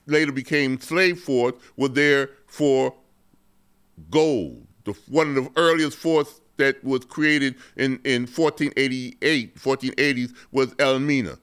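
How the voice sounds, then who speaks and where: A man's voice: mid-range voice, a bit bright. A man hosting an educational talk show, speaking passionately and emphatically, repeating words for stress and often checking in with "okay?". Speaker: host.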